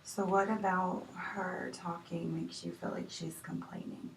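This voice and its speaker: A woman playing a patient marriage counselor in a role-play, speaking gently with many fillers. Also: on the low side, level tone, unhurried, gravelly. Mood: calm. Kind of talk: amateur improvised role-play. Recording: echoey room, distant mic, faint noise.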